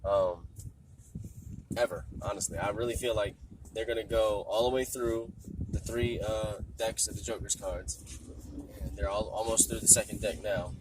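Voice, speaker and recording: A man with a smoker's rasp hosting a casual solo podcast in an informal, rambling, slangy way, with music behind him. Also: on the low side, steady tone, normal speed, noisy background. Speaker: podcast host. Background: music playing in the background.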